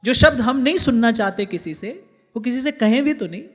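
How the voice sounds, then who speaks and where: A man's voice: very high-pitched, animated, a little fast, fairly bright tone. A male spiritual teacher giving a devotional sermon in a large hall, earnestly repeating key phrases for emphasis. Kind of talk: devotional sermon with sung verses. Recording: long hall reverb, faint music.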